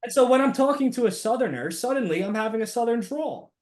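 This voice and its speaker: A man with a New Jersey accent, a podcast guest talking in a lively, casual way with many restarts. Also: very high-pitched, fast talker. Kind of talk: casual conversation.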